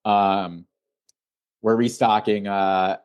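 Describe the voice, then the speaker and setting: Low-voiced young man, laid-back rambling. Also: extremely slow, clear, resonant tone. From Illinois, USA. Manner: relaxed, rambling, many "like" fillers. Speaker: founder and guest. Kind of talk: casual interview.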